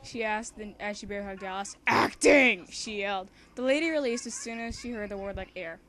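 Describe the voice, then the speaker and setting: Reading at a brisk clip, this amateur fan fiction co-host tackles a story in a relaxed, homemade way. She is a young woman with a medium-pitched voice and a giggly, excitable manner who drifts freely from the story into chatty side remarks.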